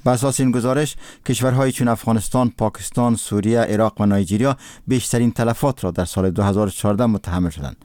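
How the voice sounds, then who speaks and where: A man anchors a radio news bulletin, reading in a measured, formal way. His voice sits low and warm, and the recording is dry and close. Each sentence is delivered evenly and deliberately. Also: no echo. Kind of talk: read news presentation.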